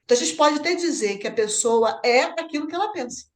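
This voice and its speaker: A woman's voice: high voice, animated, quick pace. A Brazilian woman leading a spiritist book study, explaining a chapter and checking with her partner. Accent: Brazilian Portuguese. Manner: explanatory, asks partner for confirmation. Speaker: study group host.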